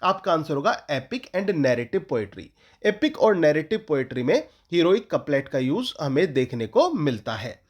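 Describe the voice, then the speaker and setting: High-voiced Indian teacher quizzing his class. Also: very animated. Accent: Indian English. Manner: slow dictation of English notes, then explains and quizzes in Hindi. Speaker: English literature teacher. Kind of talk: exam-prep lecture.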